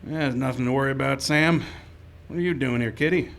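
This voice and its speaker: A man's voice: medium pitch, fairly quick, creaky, a bit bright, a little hiss or hum. A man playing a stern, weary frontier marshal in a radio western, commanding and clipped. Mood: weary, firm. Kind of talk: 1950s-style radio western acting and narration.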